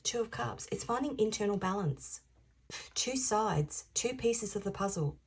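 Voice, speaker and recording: A woman in her fifties giving an intuitive tarot reading, musing aloud, repeating phrases and sometimes dropping into soft half-whispers. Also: mid-range voice, lively intonation, unhurried, a little hiss or hum. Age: 50s. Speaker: tarot reader.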